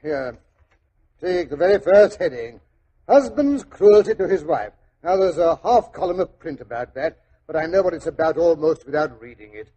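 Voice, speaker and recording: An actor playing a genial, chatty older doctor in 1940s radio style, an avuncular and hesitant storyteller. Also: male voice, a little high, animated, normal speed, dark tone, rough recording. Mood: amused, sceptical. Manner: avuncular, hesitant, chuckling raconteur. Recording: old 1940s radio recording.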